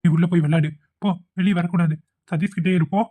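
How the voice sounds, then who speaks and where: A woman voicing a middle-aged man in a cartoon, who talks fast and reassures. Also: fairly low pitch, fairly even intonation, warm tone, no echo, lightly acted. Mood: hurried. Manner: reassuring, quick talking. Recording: dull, dry home recording.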